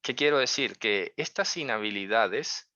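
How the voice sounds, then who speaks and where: With a lowish, animated voice that sounds pushed and bright, a man teaches a religious lesson at a measured pace. He keeps it conversational, leaning on rhetorical questions and check-ins while carefully hedging his interpretations. There's no room sound in the dull, dry lo-fi recording.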